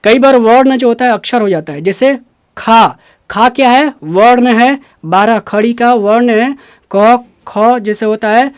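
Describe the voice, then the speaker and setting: A man with a Bihari Hindi accent teaching a Hindi pronunciation lesson, explaining step by step and repeating sounds slowly. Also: very high-pitched, clean tone, dry recording.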